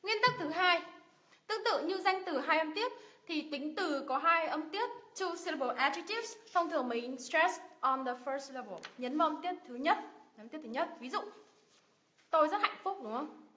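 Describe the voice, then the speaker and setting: A Vietnamese woman with a high, bright voice runs a livestream lesson on English word stress. She repeats each word several times with strong emphasis and keeps asking viewers questions. The audio is dull and lo-fi. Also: animated, moderate pace. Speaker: English pronunciation teacher. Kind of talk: livestream lesson, drilling words. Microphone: livestream mic.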